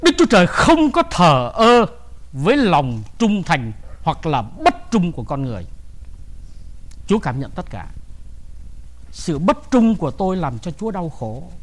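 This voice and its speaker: A man's voice: high voice, huge pitch swings, measured pace, pauses often. A male pastor preaching a sermon, emphatic and often putting questions to the congregation.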